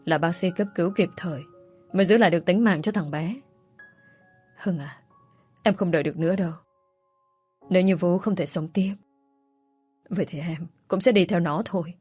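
A woman's voice: on the low side, moderate pace, long pauses, a little mellow, breathy edge, no echo, faint music behind. A woman voicing a young mother tearfully begging for her sick son's life. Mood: despairing. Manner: pleading, tearful.

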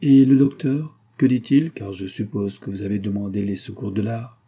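A man's voice: moderate pace, dark tone, husky. General Titolov, a man voicing a pompous older general. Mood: formal. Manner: formal, lowered and grave. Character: stiff pompous older general, formal and offended. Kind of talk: audiobook reading.

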